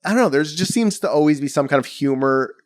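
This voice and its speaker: A young painter from the Bronx, New York, chats casually as an interview guest, rambling and packing his talk with "like" and "you know." His voice is a little high with lively intonation, and he talks fast. The recording is studio quality with no echo.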